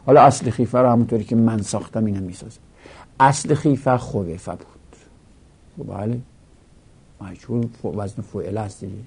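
A man's voice: lowish voice, creaky, long pauses, darkish tone, slightly rough. Man drilling verb conjugations in class. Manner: patient step-by-step explaining. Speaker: teacher. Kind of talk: Arabic grammar lesson taught in Persian.

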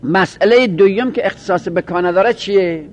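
A man lecturing a grammar class, patiently explaining and slowly drawing out example phrases as he repeats them. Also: sits high. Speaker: Arabic grammar teacher. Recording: dull lo-fi recording.

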